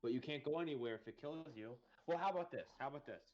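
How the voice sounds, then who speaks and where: A man's voice: medium pitch, fast, darkish tone, muffled recording. Earnest man role-playing a tabletop game. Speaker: player. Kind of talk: in-character tabletop role-play.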